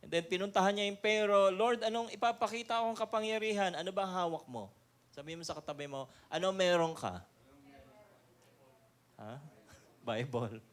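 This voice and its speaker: A male pastor preaching a lively sermon with a Filipino accent, often asking the congregation questions and laughing. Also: sits high, moderate pace, pauses often.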